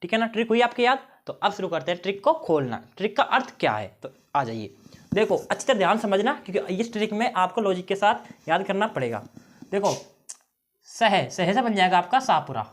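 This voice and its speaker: Guy teacher running through exam memory tricks, high voice, bouncy, keeps checking in w students. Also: big pitch swings, fairly quick.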